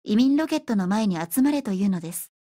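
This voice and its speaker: A woman voicing a calm, self-assured female professor from the future who explains things politely in an audiobook reading. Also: medium pitch, dry recording, clean studio sound, close to an everyday voice. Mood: explaining. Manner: polite explaining, brisk refusals.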